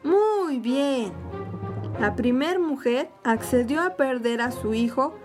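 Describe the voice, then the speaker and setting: A woman hosts a children's Bible quiz, speaking very slowly and a little high. Clear music plays underneath her voice the whole time. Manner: slow, careful, encouraging questions. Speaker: host and quiz leader.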